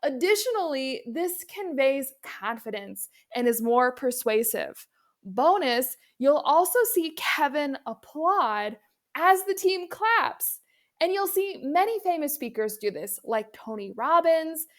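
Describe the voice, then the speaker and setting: Woman, high voice, instructional commentary, coach presenter, direct address to viewer. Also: sing-song, slow pace. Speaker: public speaking coach, presenter.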